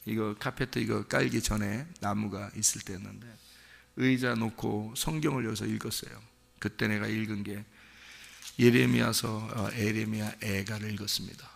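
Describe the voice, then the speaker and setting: A male pastor preaching an impassioned sermon in a church, swinging between hushed words and loud outbursts. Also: fairly low pitch, steady tone, moderate pace, creaky, big-room sound. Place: church sanctuary.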